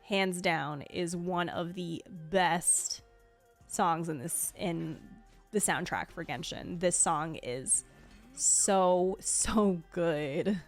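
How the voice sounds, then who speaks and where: Speaking very slowly in a lowish voice, a female video host and streamer giggles her way through a ranking with gushing, enthusiastic reactions. Soft music plays in the background.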